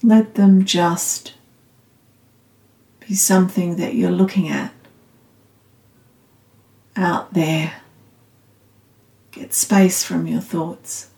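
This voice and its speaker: Slow, calm meditative woman's voice, mellow. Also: on the low side, gravelly. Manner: calm meditative tone, soothing, unhurried with long pauses. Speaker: meditation guide. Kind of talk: guided loving-kindness meditation. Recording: roomy, slightly echoing sound.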